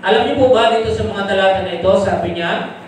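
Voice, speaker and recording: A man's voice: high-pitched, quick pace, a little hiss or hum. A male pastor preaching a live sermon, often asking the congregation rhetorical questions and switching into English for his summary points. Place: church service hall. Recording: very echoey live church recording from a distant mic.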